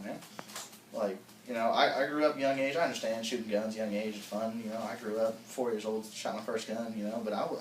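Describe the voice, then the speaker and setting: A man's voice: fairly low pitch, natural voice. A man with a Southern accent playing a laid-back interviewee who rambles and repeats himself, recorded far off in an echoey room with noise.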